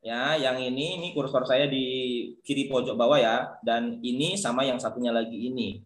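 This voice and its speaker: A male lecturer leads an online pronunciation lesson, encouraging his students and calling on them by name. His voice sits at an ordinary pitch. It comes through a video call with a roomy echo. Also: moderate pace. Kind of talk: online English pronunciation class.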